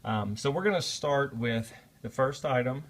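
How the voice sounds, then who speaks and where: A man's voice: medium pitch, expressive, moderate pace. A man presenting a casual unboxing vlog, talking in a friendly, apologetic way with frequent "uh" fillers. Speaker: product reviewer.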